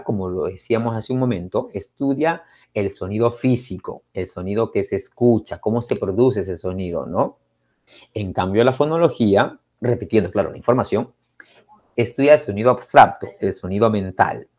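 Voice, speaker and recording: A man's voice: lowish voice, a little mellow. A male teacher from Peru explaining exam questions in a recorded lesson, with frequent tag questions and repetition. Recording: dull lo-fi sound, faint noise.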